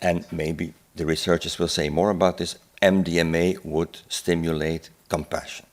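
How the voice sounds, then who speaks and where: In a conference hall, a deep-voiced older man, a Dutch-speaking psychiatrist, gives a symposium lecture with little movement in his pitch. His manner is slow and thoughtful, peppered with "eh?" fillers and false starts.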